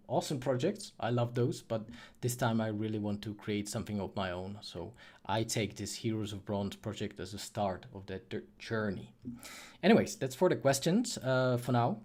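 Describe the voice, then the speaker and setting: A Czech man with a Czech accent hosts a livestream, casually fielding viewer questions in a hesitant manner and correcting himself as he goes. His voice sits on the low side and is a little mellow. He works as a freelance 3D artist and creates courses.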